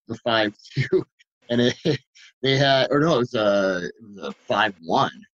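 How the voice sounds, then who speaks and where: Excitable man on a dull lo-fi line. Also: medium pitch. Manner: excitable, rambling, quick to laugh. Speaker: podcast co-host, football writer. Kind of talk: casual podcast chat. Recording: dull lo-fi audio.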